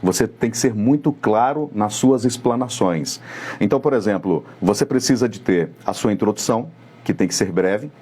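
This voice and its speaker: Middle-aged Brazilian man, dark husky timbre, patient step-by-step coaching delivery in a live class. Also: on the low side. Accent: Brazilian Portuguese. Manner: measured, didactic, addresses listener directly. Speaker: communication coach. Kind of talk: live online lecture.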